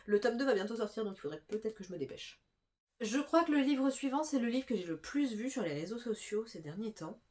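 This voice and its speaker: A woman's voice: mid-range voice, a little mellow. Young female booktuber, stuffy nose, casual filler-heavy chat. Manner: chatty, many fillers and restarts. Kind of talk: casual book haul chat.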